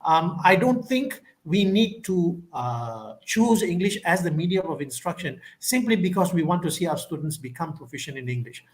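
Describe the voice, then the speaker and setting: Answering questions at an academic conference, this Malaysian-accented man speaks at a moderate pace with barely any pauses, his fairly high voice lively in intonation. He considers his words carefully yet fills the answer with fillers and restarts.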